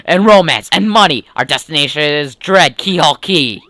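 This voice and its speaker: A man's voice: fairly high pitch, animated, normal speed, sharp tone, dry recording. A man voicing a pompous, swaggering ship captain in a grand, theatrical pirate voice. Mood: boastful.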